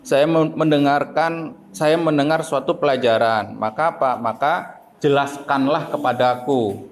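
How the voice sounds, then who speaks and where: Slow, deliberate male grammar teacher. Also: mid-range voice, steady tone, slight background noise, rough recording. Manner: slow and deliberate, explains with questions to the class. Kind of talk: classroom lesson.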